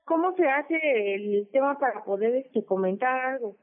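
A woman phones in to a radio show and asks, unsure and hesitant, how she can take part. Her high voice comes through a thin, tinny phone line. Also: expressive, unhurried. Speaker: caller. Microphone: telephone.

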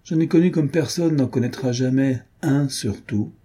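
A man's voice: medium pitch, normal speed, mellow, voice pushed up, close to an everyday voice. A man reading the part of a weary, sly male beetle-keeper who tells a tall tale in a languid, knowing way. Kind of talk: audiobook character voice.

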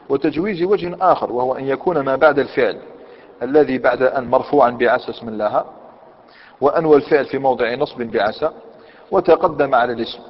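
A man with an Algerian Arabic accent teaching a grammar lesson. He quizzes his students, repeats key points, and reads a commentary aloud before explaining it. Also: medium pitch. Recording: echoey hall, dull lo-fi sound.

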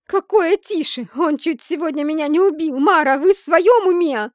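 Woman reading a defiant young girl, loud and indignant, raised pitch. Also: normal speed, dry recording, studio quality, close to an everyday voice. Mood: furious. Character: defiant young heroine, angry and scared.

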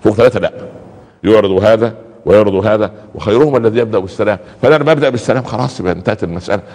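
A very low-voiced man with an Egyptian Arabic accent preaches in a chatty, colloquial way, peppering his talk with pious exclamations. He speaks quickly, and his voice carries a long reverb from the space. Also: a little mellow. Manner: conversational, repeats pious exclamations, acts out little dialogues.

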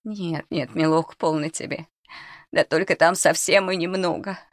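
Woman doing a creaky frightened old cook. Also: fairly low pitch, steady tone, normal speed, no room sound, studio quality, natural voice. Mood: pleading. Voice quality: creaky, pleading.

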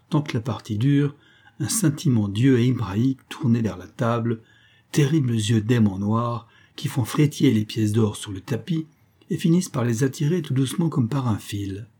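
A man reads a classic novel aloud in a measured, expressive way. His voice is husky and mellow, with a warm, dark tone, and the reading is steady and scripted. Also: medium pitch. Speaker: audiobook narrator. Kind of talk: scripted narration.

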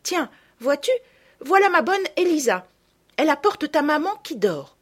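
A woman voicing an eager brave little girl. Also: moderate pace. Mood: overjoyed. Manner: high, urgent and excited. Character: eager brave young girl, older sister.

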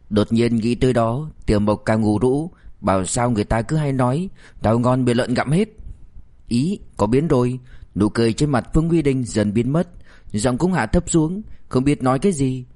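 Man, audiobook narrator, mid-pitched voice, steady scripted storytelling.

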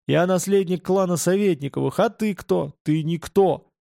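A man voicing a haughty, quick-tempered young clan heir who talks down to others. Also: sits high, gravelly, dark tone, no room sound, clean studio sound. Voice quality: domineering, haughty.

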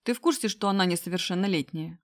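A woman reading an audiobook voices an angry young man, a threatening, shouting older brother. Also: on the low side, quick pace, close to an everyday voice. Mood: furious.

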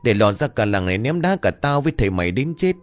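A man's voice: lowish voice, big pitch swings, fast talker, soft background music. A man voicing a trembling anxious village mother. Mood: fretful. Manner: trembling, pleading.

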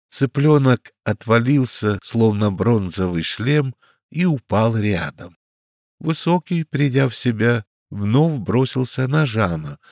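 Male audiobook narrator, low voice, dry close recording. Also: no room sound. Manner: steady storytelling. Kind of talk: scripted narration.

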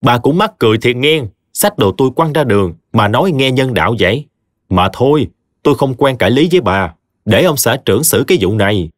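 A man's voice: mid-range voice, expressive, a little fast, no echo, studio quality, close to an everyday voice. A man voicing a resolute young woman, a wronged stepdaughter, speaking firmly and cuttingly. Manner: firm and cutting.

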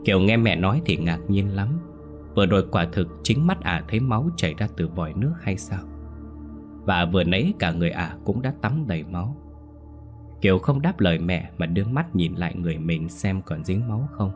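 A man narrating a ghost story in a calm, measured way. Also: sits low, faint music behind.

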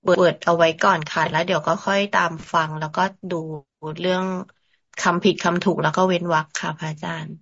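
Husky, low-voiced woman on a call. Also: flat delivery, fairly quick, fairly bright tone. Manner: polite and respectful. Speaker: follower and transcriber. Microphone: video call. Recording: dull, muffled call audio.

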